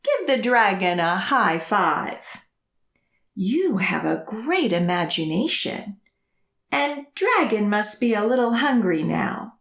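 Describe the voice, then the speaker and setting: A storytime host and children's librarian reads picture books expressively to young kids, giving them simple, encouraging instructions. Her mid-range voice is sing-song, slow and a bit bright. The recording has a roomy sound.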